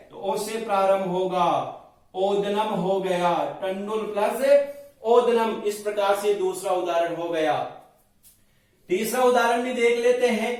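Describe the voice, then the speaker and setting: A man teaching Sanskrit grammar for an exam, explaining slowly step by step and repeating set phrases. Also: high-pitched. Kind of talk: blackboard-style exam prep lesson. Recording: echoey room, voice from far off.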